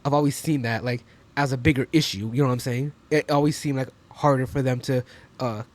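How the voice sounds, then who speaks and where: A man's voice: mid-range voice, fairly even intonation, fairly quick. A man in his twenties giving casual, profane reaction commentary at home, chatty and full of slang. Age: 20s. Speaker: reaction streamer.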